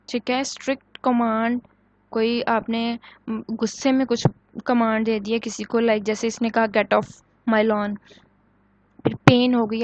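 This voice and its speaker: Higher-pitched woman lecturing on grammar. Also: darkish tone, dry recording, highs cut off. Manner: explains in Urdu-flavored Hindi, reading English example sentences slowly; asks the class questions and answers them herself. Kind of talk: recorded online lecture.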